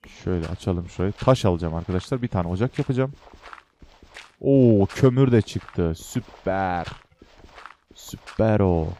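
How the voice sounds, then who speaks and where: A man's voice: low voice, warm tone, slight background noise. A young man hosting a casual game let's play, chatting to viewers and to the creatures on screen with joking exclamations. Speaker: gaming channel host.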